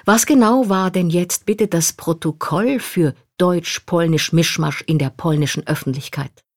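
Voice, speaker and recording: A woman reading a first-person memoir aloud in a calm, reflective manner. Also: lowish voice, a little slow, no echo, clean studio sound. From Poland. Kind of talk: scripted literary narration.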